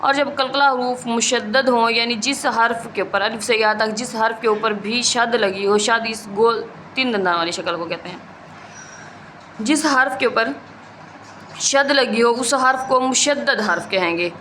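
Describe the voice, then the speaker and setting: A woman's voice: fairly high pitch, a little slow, a bit bright, slight background noise. A woman teaching Quran recitation rules step by step, going through each rule methodically and repeating it.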